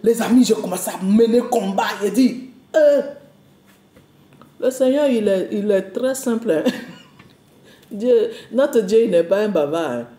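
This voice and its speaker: A woman preacher giving a lively, repetitive spoken testimony to a congregation, full of exclamations. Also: mid-range voice, a little slow, pauses often, reverberant. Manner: animated, repetitive, storytelling with exclamations.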